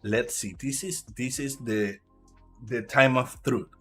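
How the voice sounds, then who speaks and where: A man from Puerto Rico with a Puerto Rican Spanish accent and Spanish as his first language, giving halting live trading commentary while he reads the chart aloud. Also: mid-range voice, a bit bright, slightly rough, soft background music. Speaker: live trader.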